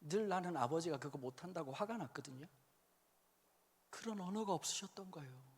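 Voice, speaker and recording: A man in his fifties preaching a sermon in a church hall, joking and suddenly shouting when he acts out quotes. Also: a little high. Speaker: pastor. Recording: echoey hall sound.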